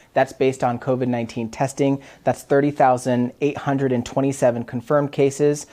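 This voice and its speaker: A woman's voice: very deep voice, mellow. A woman news reporter carefully reading out statistics live in a studio. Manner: careful, repeats figures.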